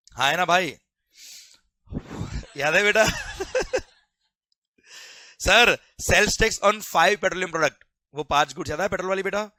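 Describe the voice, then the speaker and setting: A lively Indian man lecturing on tax, his voice very bright and cutting, recorded close and dry with no room sound. He jokes, coaxes and keeps asking if the class is clear. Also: on the high side, no room sound. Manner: animated, jokey, mixing English terms.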